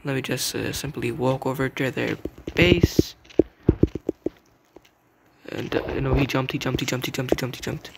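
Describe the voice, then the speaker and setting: Young male gamer, casual gameplay commentary, gravelly voice, repeats words in bursts, noisy home mic. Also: mid-range voice, steady tone. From English-speaking country with its own slang. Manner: mutters and repeats words rapidly in tense moments, exclaims at teammates.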